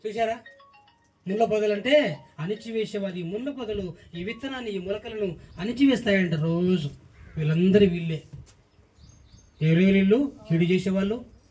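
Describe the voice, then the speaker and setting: Man, preacher, sermon, high voice, emphatic repeated lists, questions to the congregation, distant mic. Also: moderate pace, long pauses, a little mellow.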